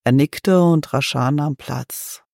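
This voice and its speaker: A man narrating a fairy-tale story in a measured, even reading. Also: mid-range voice, vocal fry, dry recording, clean studio sound.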